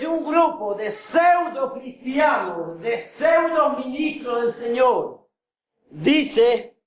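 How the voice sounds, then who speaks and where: High-voiced preaching man in echoey hall. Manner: preaching, shouts at peaks. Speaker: pastor. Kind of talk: sermon.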